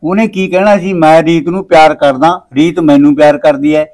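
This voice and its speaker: A man plays a middle-aged Punjabi village father with a fairly high voice. He is blunt, proud and domineering in a family drama, speaking with a Punjabi accent. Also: fairly even intonation, fairly quick, darkish tone, close to an everyday voice. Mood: resolute. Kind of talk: short-film family drama acting.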